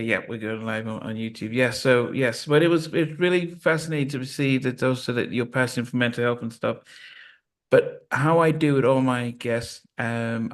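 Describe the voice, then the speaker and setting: Host: middle-aged man from Liverpool and Nigeria, mid-pitched, halting and hesitant. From raised in Liverpool and Nigeria. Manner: halting, hesitant with many ums. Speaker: podcast host. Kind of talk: interview hosting.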